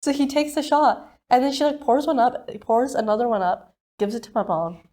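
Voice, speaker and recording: A young woman chatting on a podcast, her voice sitting a touch higher than most. She tells a family story with lively acted-out quotes, switching voices for each person. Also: brisk. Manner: animated, acts out family members' voices in quotes. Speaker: podcast co-host. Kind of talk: casual storytelling chat.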